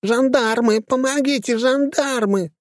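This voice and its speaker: A man voicing a haughty, scornful aristocrat's female companion in an audiobook, with a nasal, shrill voice. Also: expressive, fairly quick, mellow, dry recording, studio quality. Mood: shrieking. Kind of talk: audiobook character voice.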